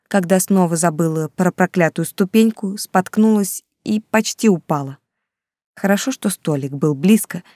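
A woman narrating a novel as an audiobook in a calm, even storytelling manner. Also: lowish voice, no room sound, studio quality.

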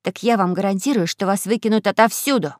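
A woman's voice: mid-range voice, fast talker, no room sound, clean studio sound, lightly acted. A woman doing a cool, defiant young girl. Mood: firm, defiant. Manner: calm, firm, defiant.

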